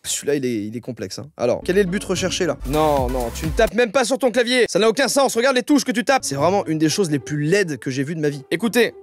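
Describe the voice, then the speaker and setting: A young man hosting a comedic reaction video, mocking and exasperated, often bursting into shouts. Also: a little high, lively intonation, quick pace, hardly any pauses, soft background music. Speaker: YouTube reaction host.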